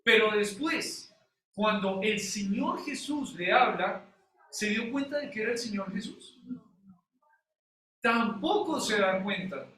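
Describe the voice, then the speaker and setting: A male pastor preaches to his congregation, asking them questions in an animated way. His high voice comes across bright and forceful. He is recorded from a distance, and the church hall around him echoes heavily. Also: slow, long pauses. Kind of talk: sermon. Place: church sanctuary.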